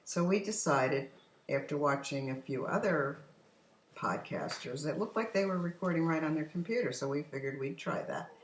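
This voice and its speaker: A woman's voice: sits low, animated, normal speed, echoey room, slight background noise, poor audio. An older woman hosting a casual home chat, telling stories in a talkative way. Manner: chatty storytelling, often laughing. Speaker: host. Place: home patio. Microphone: computer's built-in microphone.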